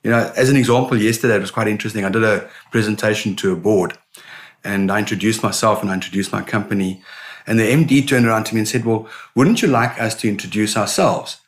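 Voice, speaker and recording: A middle-aged man, a sales consultant, answering interview questions in an animated storytelling manner with frequent restarts. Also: on the low side, fast talker. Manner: animated storyteller, repeats words when starting.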